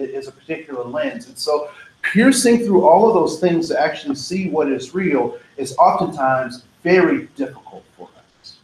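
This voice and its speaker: This American man's voice sits fairly high and sounds a little mellow as he runs a diversity workshop in a training room. He talks casually, drifts off on tangents, and keeps saying "um" and "right?" to check in. There's an echo in the room and a faint hum of noise.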